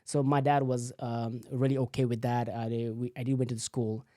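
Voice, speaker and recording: Man, 40s, relaxed warm voice, casual interview storytelling, lots of fillers. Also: mid-range voice, fairly quick, dry recording, studio quality. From Nepal. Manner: storytelling, frequent "you know" fillers. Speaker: guest physical therapist.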